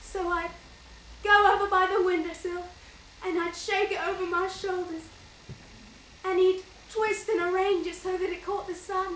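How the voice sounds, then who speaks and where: A woman's voice: very high voice, little pitch movement, moderate pace, a bit bright. An actress playing a fond mother who tells wistful stories of her past in a stage play. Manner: wistful, storytelling, quotes others fondly. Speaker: stage actor. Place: theatre stage. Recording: echoey stage miked from far off, light hiss.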